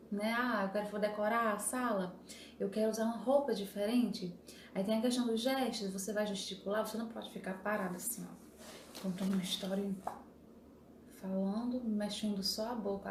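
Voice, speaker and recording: A woman's voice: on the high side, echoey room, a little hiss or hum. A young adult woman teacher with a Brazilian Portuguese accent, giving a remote lesson to young children and explaining step by step in an encouraging way with many tag questions.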